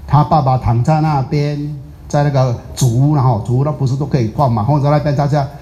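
A man speaking as a Buddhist master in a dharma talk, telling stories in a lively way, often quizzing his listeners and dropping English words into his speech. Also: medium pitch, a little fast.

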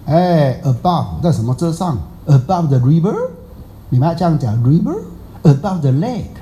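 A man's voice: on the high side, lively intonation, normal speed, dark tone. A man teaching a Buddhist class in a chatty, teasing way, quizzing his listeners. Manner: chatty, teasing, asks the audience questions. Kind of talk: Dharma talk to a class.

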